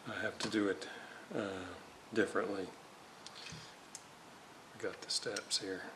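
A radio restorer at an indoor workbench talks slowly through a repair, muttering to himself as he works. His voice sits on the low side with a level tone, and there's background noise.

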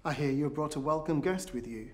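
A man's voice: on the high side, brisk, natural voice. A man playing an ominous vengeful spirit. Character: vengeful male spirit, calm and accusing. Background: music.

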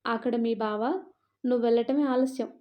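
A woman narrator voicing an exasperated young mother who is sharp-tongued with her sister. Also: a little high, steady tone, normal speed, highs cut off, lightly acted.

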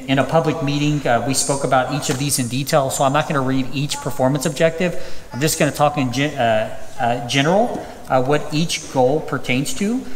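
This is a man in his thirties whose voice sits on the high side, with slight background noise behind it. He reads through items at a school district public hearing, frequently saying um and uh. A podium microphone records him in a large, vacant auditorium that echoes with distant reverb.

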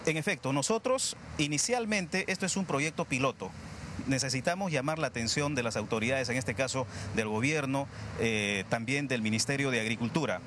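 A man's voice: medium pitch, moderate pace, noisy background. Earnest middle-aged man explaining a project. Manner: earnest, explanatory, uses fillers like "este". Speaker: project promoter. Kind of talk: live news interview. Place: outdoor plaza stand, in the city. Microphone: reporter's handheld mic.

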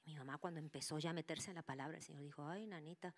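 A woman preaching to her church, telling a personal testimony with lively storytelling and dropping into whispers for quoted voices. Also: sits low, rapid-fire. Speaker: church speaker.

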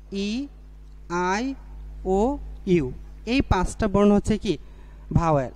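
A man's voice: high-pitched, dark tone. A man teaching an English grammar lesson, explaining step by step, asking questions and answering them himself, and mixing English terms into his speech. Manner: explains step by step, repeats key phrases.

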